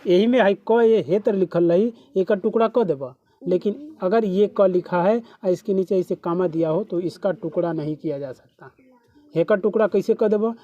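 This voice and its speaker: A man's voice: sits high, normal speed, dark tone, highs cut off. A man with a Bhojpuri accent teaching a class, who keeps asking questions back to his students. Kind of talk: classroom lesson.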